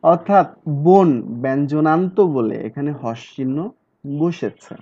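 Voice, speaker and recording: A man's voice: on the high side, animated, unhurried, dark tone. A male teacher giving an exam-prep lecture, explaining step by step and repeating key words. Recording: dull lo-fi recording.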